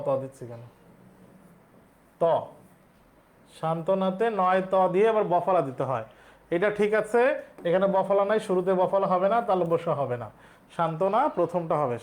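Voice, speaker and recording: A male teacher, explaining exam questions step by step and quizzing his students. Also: sits high. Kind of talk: exam-prep lesson.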